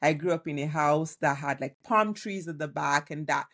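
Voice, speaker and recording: A woman's voice: sits low, normal speed. A middle-aged woman from Nigeria, a food blogger chatting casually as a podcast guest, with lots of "like" and "you know" fillers. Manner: conversational, many "like" and "you know" fillers, warm laughs. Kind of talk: casual interview chat.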